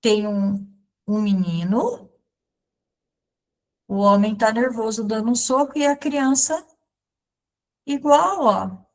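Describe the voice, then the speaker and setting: A woman catechist in her thirties teaches in a slow, measured way. She breaks her points into short phrases with pauses and plain examples, her voice sitting a little high for a woman. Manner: slow, simple explanations with many pauses and examples. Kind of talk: catechism lesson, spoken alongside sign language.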